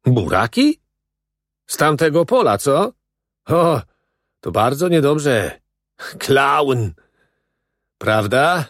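A man voicing a gruff German camp foreman who barks clipped commands in broken Polish. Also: mid-range voice, very animated, very slow, pauses often, a bit bright, no echo, studio quality, voice pushed up, heavily acted. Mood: sly.

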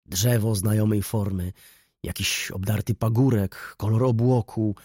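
Lektor czytający niespokojnego kupca w sile wieku. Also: male voice, fairly low pitch, fairly even intonation, measured pace, mellow, breathy edge, no echo, studio quality. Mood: brooding. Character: restless middle-aged merchant, brooding and feverish. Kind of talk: audiobook reading.

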